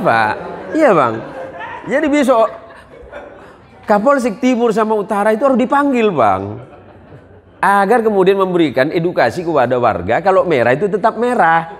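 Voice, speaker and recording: A male Islamic preacher giving a humorous religious lecture to a gathering in a large hall, bantering and joking with the audience. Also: sits high. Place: large hall at a police headquarters.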